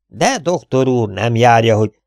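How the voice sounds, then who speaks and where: A man's voice: mid-range voice, animated, gravelly, darkish tone, no room sound, clean studio sound, voice pushed up. A man voicing a polite, grateful old farmer who speaks in a deferential way. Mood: humble.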